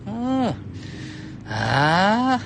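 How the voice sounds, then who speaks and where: Gruff older man, heavy ramble. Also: high voice, wildly swooping pitch, drawn-out words, background noise. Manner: gruff, jokey, talks to listeners as "お前". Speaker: solo audio show host. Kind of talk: rambling casual monologue. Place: outdoors beside a public toilet.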